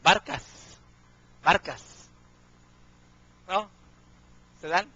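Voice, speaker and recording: A man's voice: sits high, very slow, bright, forceful tone, muffled recording. A man preaching a sermon, often asking his congregation questions and checking in with them.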